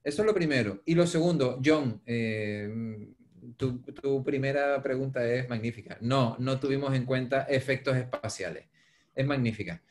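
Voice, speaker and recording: A man's voice: mid-range voice, moderate pace. A man answering questions as presenter in an online academic discussion, agreeing emphatically and repeating phrases. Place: online video call.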